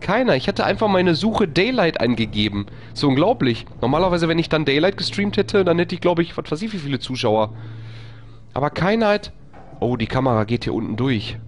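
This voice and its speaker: A man's voice: very animated, a little fast, slight background noise. A man streaming a horror game live, chatting with viewers and swearing in panic when attacked. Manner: panicked swearing, screaming in high pitch; whispers while sneaking. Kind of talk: live let's play commentary.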